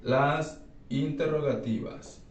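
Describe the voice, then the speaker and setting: A man teaching an English grammar class, explaining slowly and checking in with his students often. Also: fairly high pitch, steady tone. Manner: slow, repeats and checks with "¿sí?". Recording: echoey room, voice from far off.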